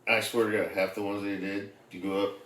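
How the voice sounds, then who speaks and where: A man telling work stories in casual chat, loud and animated, swearing heavily. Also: lowish voice, a little fast, distant mic. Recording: echoey room with faint noise.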